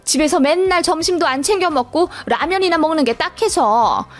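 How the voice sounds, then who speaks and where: A woman's voice: sits high, expressive, normal speed, voice pushed up. Woman doing a scolding older mother-in-law. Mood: defensive. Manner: scolding, lecturing in informal speech. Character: sharp-tongued older Korean mother-in-law, defensive and scolding.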